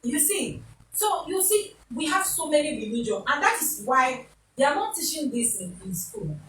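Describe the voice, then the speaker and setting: A woman's voice: high voice, very animated, moderate pace, a bit bright, roomy sound, recorded from a distance, rough recording. A Nigerian woman hosting a talk show in a casual, opinionated way, slipping into Pidgin turns of phrase. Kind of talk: casual studio interview.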